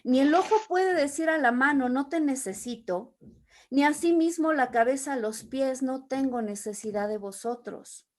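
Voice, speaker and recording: Woman with a high voice teaching bible study, reads verses then explains them. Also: normal speed, darkish tone. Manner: reads scripture aloud, then explains with everyday examples.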